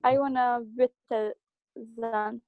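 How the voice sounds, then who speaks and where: A woman's voice: fairly high pitch, fairly even intonation, takes it slowly, no echo, phone-quality sound. A woman from Iraq learning the language, speaking hesitantly in broken phrases. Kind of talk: casual conversation.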